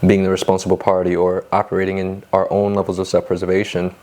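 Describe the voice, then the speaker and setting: A man's voice: low-pitched, monotone, fast, darkish tone. A man hosting a casual podcast, chatting in a laid-back way and laughing often. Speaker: podcast host.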